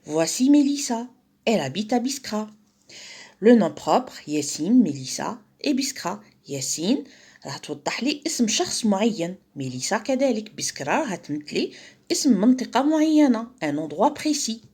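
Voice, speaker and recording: A woman's voice: medium pitch, very animated, darkish tone, breathy edge. A young woman, a French teacher from Algeria, explaining a primary school textbook page and switching between French and Algerian Arabic, with her own Algerian accent. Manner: mixes French with Algerian Arabic, repeats key words slowly.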